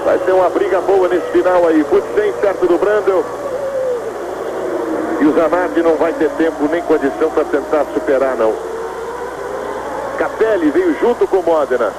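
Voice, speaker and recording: A man's voice: a little high, moderate pace, pauses often. A man with a Brazilian accent giving live motorsport commentary of a qualifying session. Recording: loud engine noise behind the voice. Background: racing car engines and track noise.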